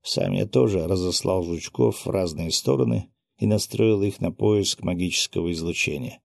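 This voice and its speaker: A man narrating a first-person audiobook in a steady, even reading. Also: low voice, normal speed, gravelly, no room sound, studio quality.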